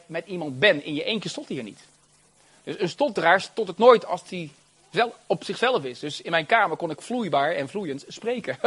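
A man preaching a sermon, animated and exclamatory, with frequent hallelujahs and amens and laughter between phrases. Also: sits high, husky.

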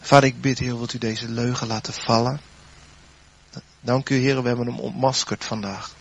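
A man preaching a sermon, then leading a spoken prayer, his voice swelling loud and dropping soft. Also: mid-range voice, fairly even intonation, moderate pace, vocal fry, muffled recording, a little hiss or hum.

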